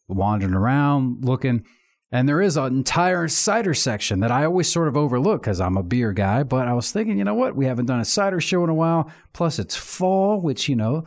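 A man's voice: medium pitch, big pitch swings, a little fast. Chatty man co-hosting a tasting show. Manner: rambling, chatty, self-interrupting. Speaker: podcast co-host. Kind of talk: casual chat.

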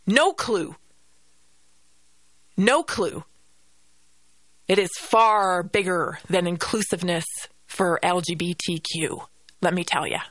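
A woman's voice: fairly low pitch, takes it slowly, long pauses, fairly bright tone, dry recording. A Canadian-accented woman hosting a radio podcast, delivering an indignant opinion monologue and repeating phrases for emphasis.

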